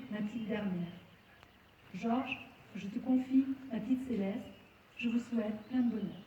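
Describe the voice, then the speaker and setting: A woman's voice: a little high, warm tone, a little hiss or hum. A woman, the bride's mother, giving a tender, heartfelt wedding speech. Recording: muffled, distant, echoey room.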